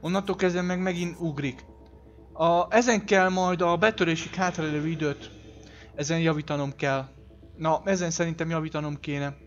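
A man's voice: on the high side, fairly even intonation, lo-fi sound, soft background music. Chatty man narrating his game, swearing. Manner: chatty, thinks aloud, swears at mistakes. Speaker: gamer streaming a playthrough. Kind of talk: casual let's play commentary.

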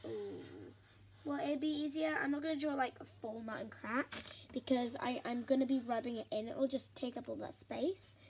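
With a high voice at normal speed, a young woman narrates her art vlog, giggling and rambling to herself as she makes a pastel drawing. Slight background noise can be heard.

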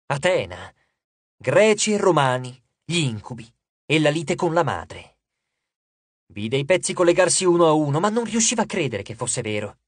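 A man's voice: on the high side, breathy edge, no echo. A man narrating an audiobook, reading expressively and shifting his voice for each character.

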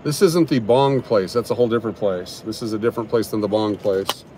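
A man's voice: on the low side, fairly quick, background noise. A man hosting a live stream outdoors on a downtown street. He gives casual commentary on what is going on around him and reads out viewer comments. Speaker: livestream host.

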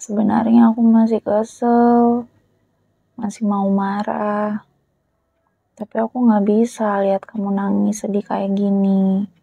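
A young woman speaking softly and often in a whisper, playing a girlfriend in a whispered role-play. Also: medium pitch, little pitch movement, unhurried, creaky, pauses often, husky, no echo, highs cut off. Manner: soft, close, often whispered speech. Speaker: ASMR creator playing a jealous girlfriend. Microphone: close ASMR microphone.

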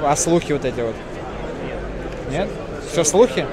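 Amid loud crowd noise in a packed indoor expo hall, a man with a voice on the high side talks to exhibitors at a normal speed. This video blogger keeps things casual and joking, with lively intonation and some hesitant fillers.

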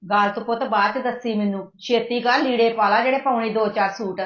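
A woman's voice: on the high side, fairly even intonation, brisk, close to an everyday voice. A woman playing a caring but scolding older mother who hurries her married daughter along. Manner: urgent, scolding yet tender. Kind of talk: amateur family drama acting. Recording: dull, muffled recording.

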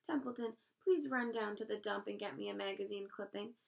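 A woman's voice: mid-range voice, fairly quick, gravelly, lightly acted. A woman reading aloud, voicing a lazy, selfish male rat who talks in a sarcastic, mocking drawl.

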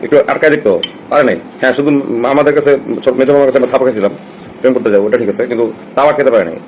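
A man's voice: medium pitch, steady tone, very fast, a little mellow, dull audio, a little hiss or hum. A man with a Bangladeshi Bengali accent, telling personal stories in casual chat on a live stream. He rambles, restarts often and slips into English.

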